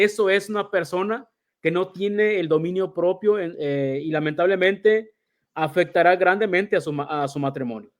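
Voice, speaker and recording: A man giving a conversational Bible teaching, calling his listeners brother and acting out everyday examples. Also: high voice.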